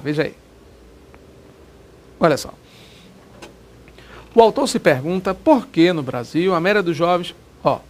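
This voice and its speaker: A Brazilian man teaching Portuguese grammar in an exam-prep video lesson, chatty, repeating examples and checking that students follow. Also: sits high.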